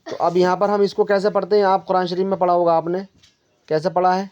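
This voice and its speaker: A man tutoring a student in Quran recitation, patiently explaining and repeating each point slowly. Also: high-pitched, little pitch movement, a little mellow, smooth. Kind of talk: one-on-one tutoring lesson. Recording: dull lo-fi recording.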